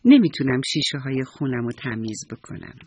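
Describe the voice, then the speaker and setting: A man voicing a wise old male squirrel in a children's bedtime story, speaking gently and warmly. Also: medium pitch, very animated, husky, no room sound. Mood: confiding.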